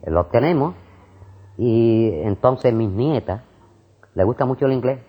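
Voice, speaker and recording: An older man with a Puerto Rican Spanish accent, a retired school principal answering interview questions in a discursive way, repeating words and filling pauses. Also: medium pitch, husky. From Puerto Rico. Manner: animated and discursive, repeats words, frequent fillers. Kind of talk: casual conversation. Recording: muffled lo-fi recording.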